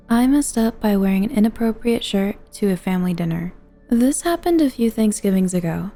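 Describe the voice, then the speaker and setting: A woman's voice: mid-range voice, mellow. A woman reading first-person online confession stories as scripted narration.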